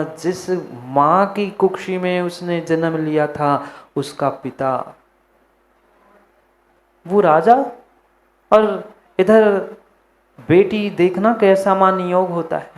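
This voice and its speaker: A man, a monk, preaching a sermon, repeating his phrases for emphasis and speaking straight to his listeners. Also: high voice.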